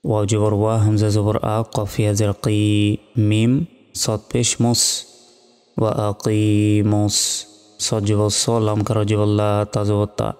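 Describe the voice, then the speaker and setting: Calm man spelling Arabic syllables slowly. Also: fairly low pitch, clear, resonant tone. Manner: slow, measured letter-by-letter spelling. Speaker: Quran reading teacher. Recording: long hall reverb with faint music.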